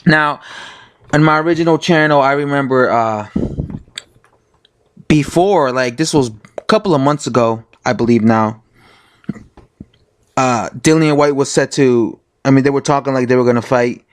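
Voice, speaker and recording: A boxing vlogger, hoarse from being sick, gives a casual, rambling monologue of his opinions, full of fillers and self-corrections. His voice is medium-pitched, he talks at a normal speed, and he leaves long pauses.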